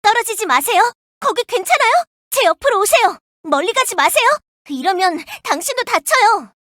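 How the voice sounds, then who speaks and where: A voice actress playing a young, earnest and protective firefighter in a game, polite and gentle, snapping into crisp radio-style reports. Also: female voice, extremely high pitch, expressive, moderate pace, no room sound, clean studio sound, heavily acted. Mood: urgent shouts. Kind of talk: game character voice lines. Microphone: dry studio mic.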